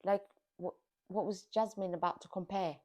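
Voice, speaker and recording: A woman's voice: mid-range voice, steady tone, normal speed, warm tone, lo-fi sound. A woman giving casual, exasperated commentary on a reality TV show, scolding the people on it.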